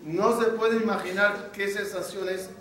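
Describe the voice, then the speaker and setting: A man, a rabbi, telling a story in a sermon, acting out the dialogue with lively energy. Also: high-pitched, unhurried. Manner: animated storytelling, acts out dialogue. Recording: echoey room from a distant mic, faint noise.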